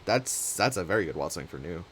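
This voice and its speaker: Deep-voiced man casting a card game. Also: big pitch swings, brisk, slight background noise. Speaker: caster, host. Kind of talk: casual game commentary.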